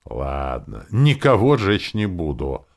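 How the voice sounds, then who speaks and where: Male narrator as confident male dark mage, dry and commanding. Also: lowish voice, big pitch swings, moderate pace, pitched above the performer's own voice. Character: dry self-assured male dark mage casino owner.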